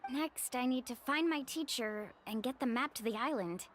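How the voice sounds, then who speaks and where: Woman as Mualani, high-voiced, eager young guide. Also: moderate pace, a little hiss or hum, natural voice. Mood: nervous, explaining. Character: upbeat young female tour guide, eager and earnest. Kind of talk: video game voice acting.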